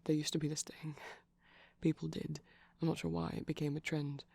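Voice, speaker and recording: Speaking in a monotone with a slightly high voice, a man performs a soft ASMR boyfriend roleplay as a shy, gentle vampire. His rambling is halting and breathy, often dropping to a whisper, and there's no room sound.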